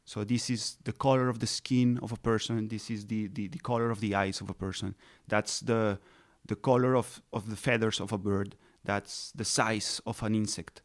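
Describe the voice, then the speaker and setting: A man's voice: on the low side, steady tone, moderate pace, few pauses. A man in his thirties, raised in Colombia, patiently explaining his research as a guest in an interview, with frequent restarts and fillers. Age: 30s. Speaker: ecologist guest.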